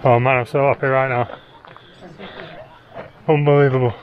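A man in his thirties, a travel vlogger, narrates to an action camera held at arm's length while hiking a mountain trail. His mid-range voice has a flat delivery at normal speed, though he's cheerful, upbeat and breathless. The audio is narrow and tinny, with slight background noise.

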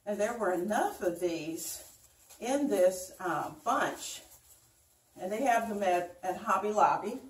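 Slow-talking older woman, roomy home echo. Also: medium pitch, animated, recorded from a distance. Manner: chatty, unhurried, talks while working with her hands. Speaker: home decor host. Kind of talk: casual how-to demonstration. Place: dining room at home, indoors. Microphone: camera mic from across the room.

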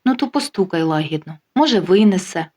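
Жінка озвучує спокійну, гостру на язик дружину, яка сухо й насмішливо відповідає чоловікові. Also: female voice, lowish voice, lively intonation, a little mellow. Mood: mocking. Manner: dry, mocking, unhurried. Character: calm, sharp-tongued wife getting even.

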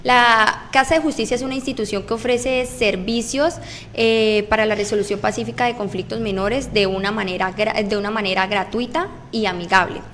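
A woman's voice: on the high side, fairly even intonation, normal speed, a bit bright. Young woman, earnest formal answers, desk mic, faint hum. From Colombia. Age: 20s. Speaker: council candidate. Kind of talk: interview answers. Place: small radio studio.

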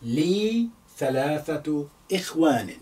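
A man's voice: fairly high pitch, big pitch swings, slow pace, dark tone, distant mic. A man teaching a spoken lesson, repeating each word and explaining it in English with small slips. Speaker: Arabic teacher. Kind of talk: slow spoken language lesson.

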